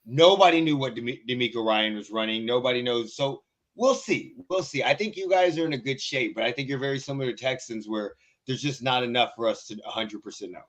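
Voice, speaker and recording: A man's voice: medium pitch, fairly quick, fairly bright tone. A man talking sports on a casual podcast, assertive and repeating his points.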